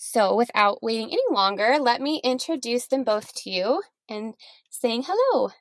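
A podcast host chats casually with her guests in an interview, friendly and laughing easily, talking freely with restarts. Her fairly high voice has lively intonation and a moderate pace, recorded dry.

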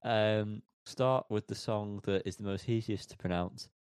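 In clean, echo-free studio sound, a man with a lowish, darkish voice speaks at a measured pace as co-host of a music podcast. Reviewing music in casual chat, he jokes, laughs and trips over band names.

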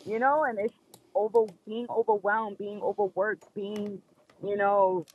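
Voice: mid-range voice, fairly even intonation, a little slow, slightly rough. A person talking over a phone call that keeps breaking up, speaking casually and openly, rambling a little and swearing now and then. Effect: heard over a phone call that keeps breaking up. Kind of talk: casual heartfelt chat. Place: driving through a wooded area. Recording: muffled, dull phone line.

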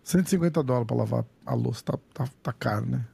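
Raspy Brazilian man chatting casually. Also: mid-range voice, fast, mellow. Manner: slangy, swearing, informal. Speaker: podcast host. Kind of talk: casual chat.

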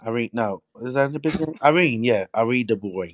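A man's voice: medium pitch, expressive, brisk, dry recording. A man co-hosting a podcast in casual chat, sassy and emphatic, with plenty of swearing. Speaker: podcast co-host.

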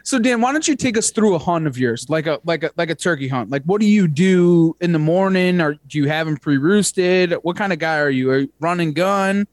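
A man hosts an outdoors podcast with a chatty, upbeat manner. His voice sits a little high for a man. The recording is dry and close, with no room sound. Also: animated, fairly quick, hardly any pauses, no room sound. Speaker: podcast host. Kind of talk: casual interview chat.

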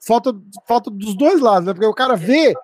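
A woman hosting a casual chat, quick to agree and full of fillers. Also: on the high side, expressive, darkish tone, dry recording.

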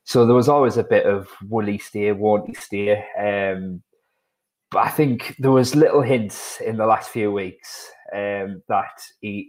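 A man's voice: lowish voice, a little mellow, low-quality recording. A man with a North East England accent chatting casually as a football podcast panellist, hesitantly thinking aloud. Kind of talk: casual chat.

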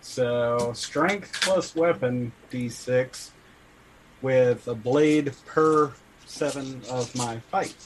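Slow, deliberate man player. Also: medium pitch, a little hiss or hum, low-quality recording. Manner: deliberate, working out dice rolls aloud. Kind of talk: tabletop game chat over voice call.

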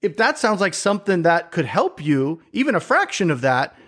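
Middle-aged guy, kinda high voice, casual chat, lively storyteller, swears a bit. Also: normal speed. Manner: animated storytelling, acts out other people's reactions, swears casually.

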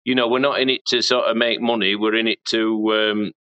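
A man's voice: lowish voice, little pitch movement, brisk, pushed and bright. A man, a farmer chatting casually in an interview and often repeating words as he starts a thought. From Barnsley, England. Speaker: farmer and business owner. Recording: dull lo-fi sound.

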